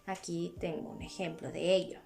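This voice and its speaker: A woman's voice: lowish voice, steady tone, normal speed, vocal fry, darkish tone. Young Mexican woman explaining a lesson. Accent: Mexican Spanish. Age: young adult. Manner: chatty, with fillers and rhetorical questions. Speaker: student presenter. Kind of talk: explanatory school presentation. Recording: faint background music.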